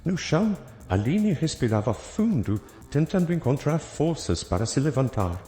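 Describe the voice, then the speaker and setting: A man's voice: on the high side, very animated, moderate pace, warm tone. A man narrating a dramatic, suspenseful story in a scripted style. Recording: echoey, with faint background music.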